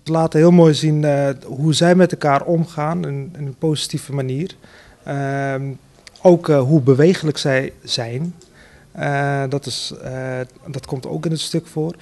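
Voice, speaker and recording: A man, a theater director, answering interview questions earnestly with many pauses and fillers. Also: fairly high pitch, steady tone, a little mellow.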